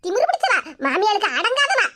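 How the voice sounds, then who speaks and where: A bossy old cartoon mother-in-law, put on by a woman, cackling and gloating through drawn-out fillers. The voice sits very high and squeaky. A loud hiss with clicks runs under it all. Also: very animated.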